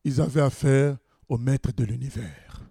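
A man preaching a sermon, reading scripture aloud and commenting on it, swinging between loud exclamations and low asides. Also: measured pace, creaky, slightly rough, dry recording, clean studio sound.

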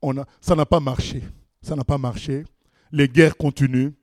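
A man preaching a sermon, reading scripture aloud and commenting on it, swinging between loud exclamations and low asides. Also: steady tone, moderate pace, no room sound, clean studio sound.

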